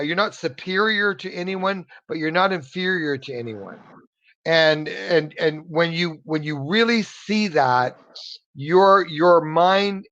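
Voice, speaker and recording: With a fairly bright voice on the high side, an American tutor gives an English lesson by video call, encouraging his student earnestly. He often repeats words as he hunts for what to say next, and the sound is muffled and dull.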